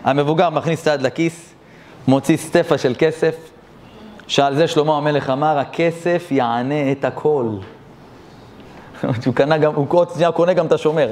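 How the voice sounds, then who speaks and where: Animated storytelling rabbi, raised voice. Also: male voice, fairly high pitch. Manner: animated, addresses listeners directly. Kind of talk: storytelling sermon.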